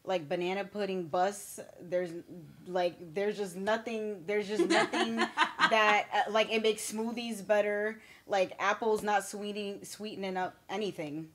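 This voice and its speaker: A woman making her argument in a casual group chat, circling around with lots of fillers and little laughs. Her voice sits at an ordinary pitch. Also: a little slow, few pauses, a bit bright. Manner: rambling, laughing, filler-heavy.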